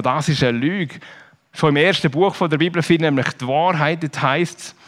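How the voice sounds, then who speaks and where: A man speaking, his voice sitting somewhat high. He gives a children's sermon as a lively storyteller. He keeps turning questions back to his young listeners. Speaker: preacher.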